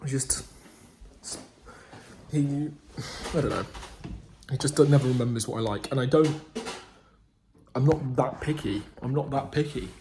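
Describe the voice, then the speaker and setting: A man's voice: medium pitch, measured pace, pauses often, dark tone, a little hiss or hum. A man, chatting casually into a handheld phone, rambling and restarting his sentences. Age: 20s. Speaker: vlogger. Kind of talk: casual vlog. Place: house and garden at his grandparents'.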